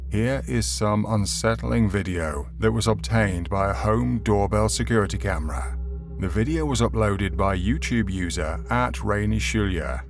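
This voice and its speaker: Low-voiced man narrating over music. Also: normal speed. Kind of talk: scripted narration of viral video clips. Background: background music.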